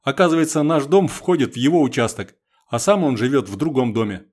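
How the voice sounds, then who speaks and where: A man's voice: mid-range voice, brisk, darkish tone, husky. A man reading a first-person war novel aloud as an audiobook narrator, in a wry, conversational way. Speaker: audiobook reader.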